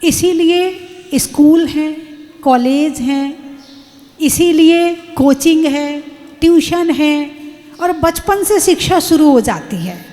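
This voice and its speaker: A woman's voice: high voice, animated, takes it slowly, mellow, big-room sound. A woman, a Jain nun, giving an emphatic sermon and putting rhetorical questions to her audience.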